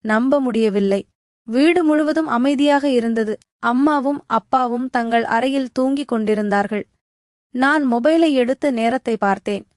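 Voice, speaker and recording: A woman's voice: on the high side, moderate pace, no echo, clean studio sound. A woman telling a story in first person as scripted narration, in a dramatic, tense manner.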